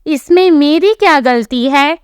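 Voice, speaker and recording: A woman's voice: high-pitched, a little slow, no room sound, studio quality. A woman voicing a naive, literal-minded young daughter-in-law who speaks politely and innocently in a storybook telling.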